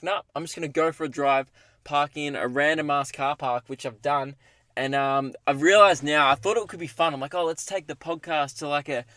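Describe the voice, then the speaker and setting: Young male podcaster, Australian accent. Mid-pitched, casual, rambling, self-mocking humour, recorded dry in a parked car. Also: a bit bright, smooth, no room sound. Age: young adult. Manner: self-deprecating, joking. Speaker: solo podcast host.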